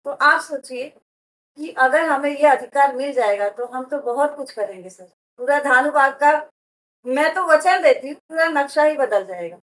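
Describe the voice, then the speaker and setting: Woman candidate talking earnest, high voice, keeps saying sir. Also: moderate pace, a bit bright, low-quality recording. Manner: earnest, promising, addresses interviewer as sir. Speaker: election candidate. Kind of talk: interview answers.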